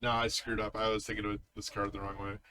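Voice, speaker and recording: A man's voice: fairly low pitch, level tone, fast talker, bright, forceful tone. Casual male color commentator. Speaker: tournament commentator. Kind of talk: live card game commentary.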